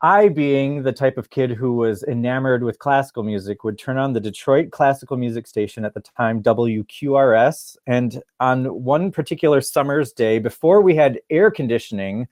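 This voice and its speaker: A man's voice: medium pitch, normal speed, few pauses, darkish tone, no echo, studio quality. A middle-aged man from Michigan telling a story in a casual interview, chatty and laughing often. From Michigan, USA. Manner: chatty, laughs often, acts out quoted voices. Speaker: guest, therapist and musician.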